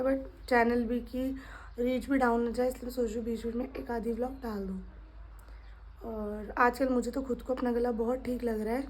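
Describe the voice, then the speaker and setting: A young woman chatting casually in her vlog, talking softly and slowly to spare a strained throat. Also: a little high. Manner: soft, slow talk to spare her voice. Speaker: vlogger. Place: home kitchen.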